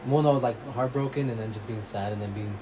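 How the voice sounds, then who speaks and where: A man's voice: lowish voice, fairly quick. A young man co-hosting a podcast in casual chat. He laughs a lot, teases his co-host and chimes in with jokes. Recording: noisy background hiss.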